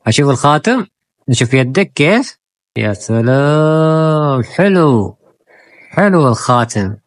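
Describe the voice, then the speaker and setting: Woman, very deep voice, dry close sound, cheerful coaxing vlog narration. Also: very animated, moderate pace, no room sound. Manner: playful and coaxing, repeating admiring exclamations. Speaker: family vlogger filming children. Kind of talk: casual family vlog commentary.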